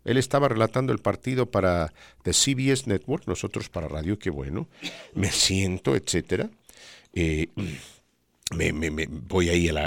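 Deep-voiced sportscaster telling stories. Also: male voice, vocal fry, dry recording. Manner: rambling anecdotes with frequent "¿no?" tags. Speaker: radio sportscaster. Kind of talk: storytelling on a podcast.

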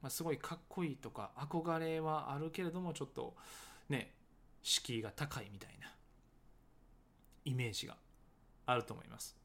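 A man who teaches English conversation talks casually about his book, hedging often and pausing with many fillers. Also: fairly high pitch, vocal fry. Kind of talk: casual solo talk promoting his book.

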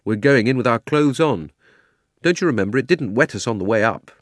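A man's voice: mid-range voice, a little fast, no room sound, clean studio sound, natural voice. Diggory, a man doing a drowsy young boy. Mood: matter-of-fact. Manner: relaxed, sleepy, matter-of-fact. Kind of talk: storybook reading.

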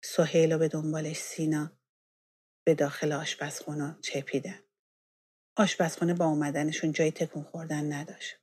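A woman's voice: sits low, husky. A woman, the author, reading her own short story aloud as a first-person audiobook narration. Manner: expressive storytelling.

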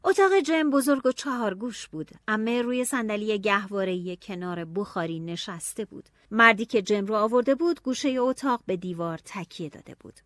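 A woman narrating a novel in an expressive audiobook style, dropping to hushed tones and rising to anxious cries. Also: mid-range voice, hardly any pauses, dry recording, clean studio sound.

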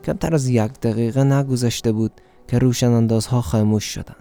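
A man with an Afghan Dari accent reading a story aloud for radio, with a steady, measured delivery. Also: medium pitch, soft background music. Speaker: narrator.

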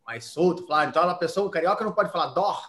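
A man's voice: a little high, animated, very fast, a bit bright. A male co-teacher chatting in an enthusiastic, admiring way during a live class. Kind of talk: casual live class chat. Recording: roomy echo.

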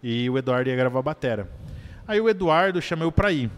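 Brazilian man, podcast guest, animated personal storytelling. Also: medium pitch, fast talker, clean tone. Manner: animated storyteller, keeps adding "né?".

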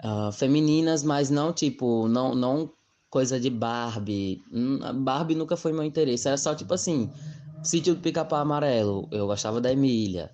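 A man's voice: medium pitch, normal speed, warm tone, highs cut off. A man, casually telling his story as a guest. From Mossoró, Brazil. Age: 20s. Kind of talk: personal testimony.

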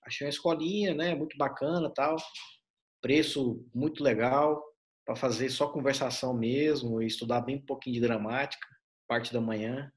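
Man, mid-pitched, host, chatty, lots of fillers. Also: steady tone, normal speed. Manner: rambling storyteller, many fillers. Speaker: interview host. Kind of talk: casual interview chat.

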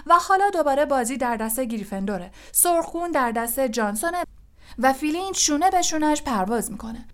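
A woman voicing an excitable young male quidditch commentator in an audiobook, calling the match fast and loudly taking sides. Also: high-pitched, pitched above the performer's own voice. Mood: excited. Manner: rapid, shouting, openly partisan commentary. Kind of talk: audiobook character voice.

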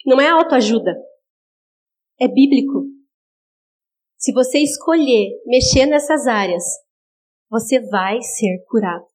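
Woman preacher with a high voice, earnest sermon delivery, direct address, slips into quoted voices of listeners. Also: lively intonation, unhurried, long pauses, a little mellow. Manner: acts out listeners' words in quoted asides.

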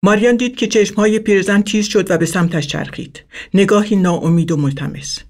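Male narrator for a literary short story, steady reading, slightly high voice.

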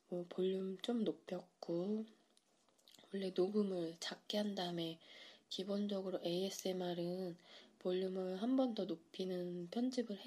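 A woman speaks as an ASMR host introducing a recording to listeners. Her voice is mellow, breathy and a little low. She talks in a hushed way, often dropping into a whisper. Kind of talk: soft podcast-style introduction to listeners.

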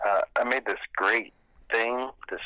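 A man's voice: medium pitch, unhurried, sharp tone, no echo, low-quality recording. A man calling in, heard through a phone on speaker, talking casually and hesitantly with many fillers. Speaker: caller.

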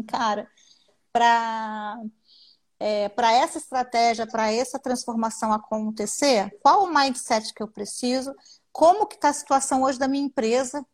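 A woman with a Brazilian Portuguese accent, a guest business consultant speaking animatedly in a casual live-stream interview, often tagging her sentences with questioning asides. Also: a little high.

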